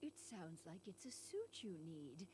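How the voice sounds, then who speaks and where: A woman's voice: fairly low pitch, wildly swooping pitch, a little slow, a little mellow, a little hiss or hum. Kindly, lilting mature lady. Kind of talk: video game voice acting.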